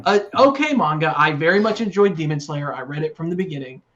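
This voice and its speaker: A man's voice: on the high side, fast, highs cut off, a little hiss or hum. A man co-hosting a podcast, talking casually and eagerly. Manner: enthusiastic, excitable. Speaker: podcast co-host. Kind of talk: casual chat.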